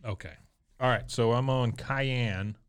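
A man's voice: medium pitch, unhurried, clean tone. A man co-hosting a casual chat while taste-testing candy, making wry, joking asides. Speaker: podcast co-host.

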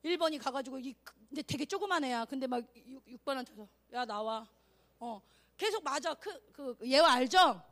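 A woman evangelist preaching at a youth camp, animated and exclamatory, calling out for responses and acting out quotes. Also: high voice, a little fast. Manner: acts out quotes in voices.

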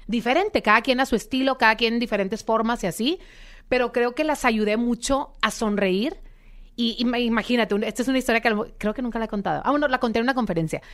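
A woman's voice: on the high side, fast, fairly bright tone. A young woman, a podcast guest telling her story and acting out quoted dialogue. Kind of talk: interview storytelling.

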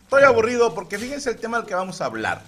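A Mexican man hosts a comedy podcast, his voice sitting fairly high and swinging widely in pitch. He tells stories in a loud, crude, joking way, full of slang. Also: huge pitch swings, racing, slightly rough. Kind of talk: loud comic storytelling.

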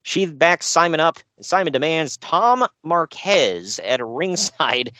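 A man's voice: on the high side, big pitch swings, slow, pushed and bright, dry recording. A man co-hosting a podcast, recapping a show with dry sarcasm and frequent laughs. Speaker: podcast co-host. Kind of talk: casual chat.

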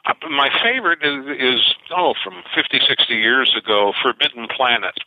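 An older science fiction author tells stories animatedly in a phone interview, often restarting his sentences. His medium-pitched voice comes at a normal speed over a tinny, dry phone line with a noisy background.

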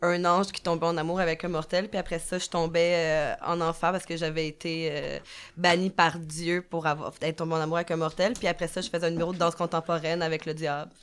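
Woman, Québécois French accent, somewhat low pitch, smooth clear voice, casual podcast guest, chatty with fillers. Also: little pitch movement, fast. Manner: chatty, many fillers and restarts. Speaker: guest, drag performer.

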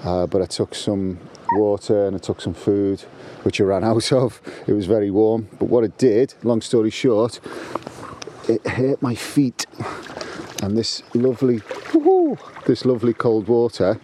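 A man's voice: lowish voice, fairly even intonation, unhurried, warm tone, a little hiss or hum. A man talking casually while walking his dog on a canal towpath, rambling with many restarts. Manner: rambling, with frequent restarts and fillers. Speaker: guest contributor. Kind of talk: casual walk-and-talk monologue. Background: birdsong.

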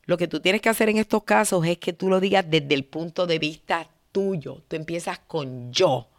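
A woman hosting a podcast, giving direct advice in an animated way and acting out sample dialogues. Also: on the low side, normal speed, no room sound, clean studio sound. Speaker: podcast host.

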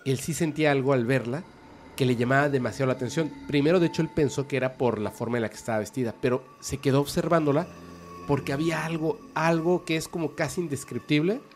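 A man, a podcast guest telling a story in animated conversation, often checking that the listener is following. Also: mid-range voice, fast talker, slight background noise. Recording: music playing under the voice.

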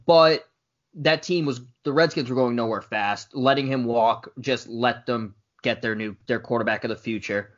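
A man co-hosting a sports podcast, speaking in a laid-back way and pitching trade ideas. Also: normal speed. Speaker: podcast co-host. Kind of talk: casual sports chat. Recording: dull lo-fi podcast audio.

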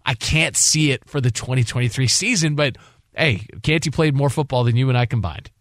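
Speaking fairly quickly in a medium pitch, this sports radio co-host reasons out his analysis on the fly, hammering points home by repeating phrases. It's unscripted sports talk, recorded clean on a close studio broadcast microphone with no echo.

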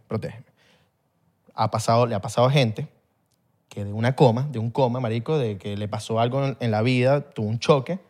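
A man's voice: medium pitch, darkish tone. A man, hosting a podcast and explaining a topic in casual, rambling chat full of slang. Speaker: podcast host.

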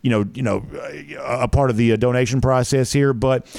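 A man with a medium-pitched voice hosts a casual interview. The sound is dry, and he talks in long, winding, conversational sentences as he builds up his questions. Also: steady tone, brisk, vocal fry, a little mellow, no room sound. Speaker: interview host.

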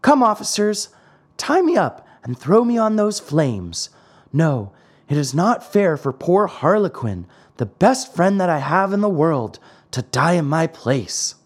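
A man's voice: fairly high pitch, big pitch swings, a little slow, husky, pitched above the performer's own voice, exaggerated voice. A man voicing a small, earnest wooden boy marionette with an imploring manner in a storybook reading. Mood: brave, earnest.

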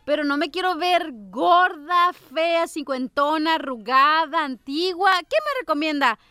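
A vain middle-aged lady pleads with her stylist, played by a woman telling a joke. She whines in a very high, bright voice and draws out her words slowly. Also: dry recording, studio quality. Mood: whiny.

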